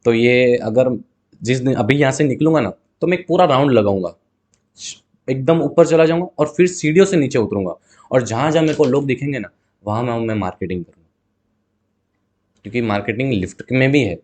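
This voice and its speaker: A man with an expressive, medium-pitched, slightly mellow voice talks a little fast as a guest in a casual interview. He's a burger seller recounting a story with energy, performing both sides of conversations with customers and mixing in English words.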